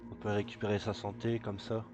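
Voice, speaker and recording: A man's voice: lowish voice, little pitch movement, brisk, dull audio. A man giving casual gameplay commentary, hesitant and thinking aloud as he goes. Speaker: let's play gamer. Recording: loud game music underneath. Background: loud game music.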